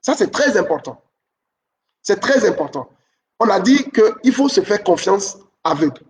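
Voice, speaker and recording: High-voiced man giving repetitive advice. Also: very animated, a little slow, darkish tone, distant mic. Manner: repeats key points, checks in with "ok?". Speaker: relationship advice speaker. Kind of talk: advice talk to camera.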